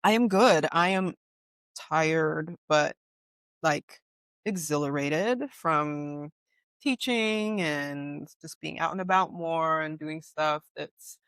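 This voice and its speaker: A woman co-hosting a podcast in casual chat, an animated storyteller who leans on fillers. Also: deep voice, slow pace, smooth, no echo. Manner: enthusiastic. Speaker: podcast co-host.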